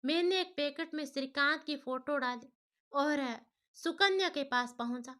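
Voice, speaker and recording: Woman storyteller, high clear bright tone, steady scripted narration. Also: unhurried. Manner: steady, plain first-person telling.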